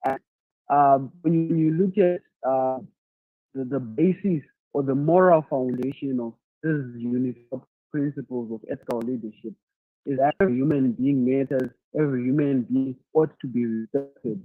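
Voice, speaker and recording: A man from Zimbabwe speaks at a middle pitch in an online masterclass, thinking aloud and often restarting his sentences. His voice comes through a narrow, tinny video-call line with a dry sound and no room around it. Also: dry recording. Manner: thoughtful, halting, repeats words while searching for them. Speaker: leadership speaker answering questions. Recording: tinny phone-like audio.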